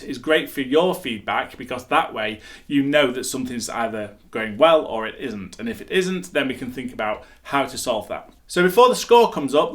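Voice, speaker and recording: A man's voice: medium pitch, fairly bright tone. A man teaching a hands-on saxophone lesson, upbeat and encouraging as he talks viewers through each step.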